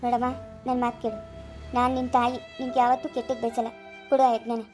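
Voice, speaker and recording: A woman playing an insistent older village mother in an amateur family drama, pressing and scolding in quick bursts. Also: on the high side, flat delivery, over loud music, close to an everyday voice.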